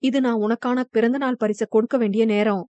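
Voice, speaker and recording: A woman's voice: a little high, steady tone, fairly quick, dark tone, dry recording, lo-fi sound, natural voice. A woman voicing a stern young man who is the male lead of a romance audio novel, speaking in a curt, clipped way. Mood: cold.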